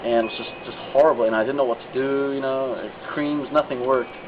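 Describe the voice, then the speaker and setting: A man's voice: medium pitch, fairly even intonation, a little fast. A man giving a casual, unscripted testimonial, often saying you know. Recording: dull, noisy recording.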